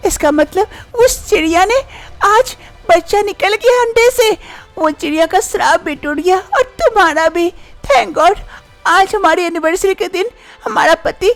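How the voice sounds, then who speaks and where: A woman voicing a devoted, caring young wife in an animated story, earnest and reassuring. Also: very high-pitched, unhurried, soft background music.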